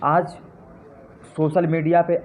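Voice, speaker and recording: The speaker, a man with a fairly high pitch, talks slowly in a level tone during an impassioned live address to his backers. Fervent, repetitive appeals give way to indignant jabs, captured over a tinny phone line with faint noise.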